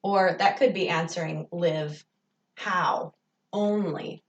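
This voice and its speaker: A woman's voice: fairly low pitch, takes it slowly, echoey room, recorded from a distance, lo-fi sound. A woman teacher, patiently asking questions as she takes her pupils through a remote grammar lesson.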